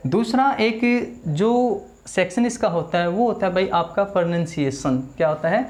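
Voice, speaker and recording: A man teaching a video English class in Hindi, saying each word slowly and asking listeners to repeat it back. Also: high voice, a little mellow. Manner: drills words slowly, repeats them, asks the class to repeat. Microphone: small camera in front of him.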